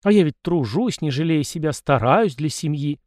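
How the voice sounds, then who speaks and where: A man's voice: on the high side, lively intonation, normal speed, a little mellow, dry recording, studio quality, lightly acted. Man doing a sleepy teasing young woman. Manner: teasing, playful.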